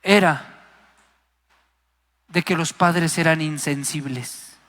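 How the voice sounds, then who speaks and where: At a live church service with long hall reverb, a guest preacher delivers a Pentecostal sermon. His fairly high, fairly bright voice moves slowly, yet he's passionate and emphatic, acting out the voices he quotes.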